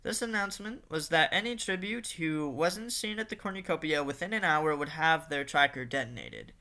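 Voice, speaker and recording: A man's voice: on the high side, animated, moderate pace, pushed and bright. A man narrating a fan-made story in a casual reading style, with occasional fillers and restarts.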